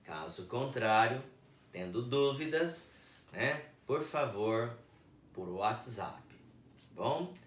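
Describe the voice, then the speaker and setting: Man, Brazilian accent, teacher explaining a lesson, unhurried and repetitive, mid-pitched, roomy echo, far from the mic. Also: animated, a bit bright. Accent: Brazilian Portuguese. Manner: slow, deliberate, repeats words for emphasis. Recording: echoey room, speaker far from mic.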